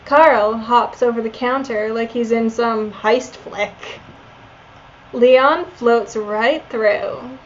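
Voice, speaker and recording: Slow, high-voiced woman reading a game aloud. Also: highs cut off, a little hiss or hum. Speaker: game player and narrator. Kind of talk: reading a visual novel aloud with commentary.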